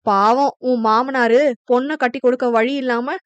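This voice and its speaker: A woman voicing a quarrelsome, teasing young husband who fires off quick, mocking retorts. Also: on the high side, steady tone, clear, resonant tone, no room sound, dull audio, natural voice. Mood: defiant.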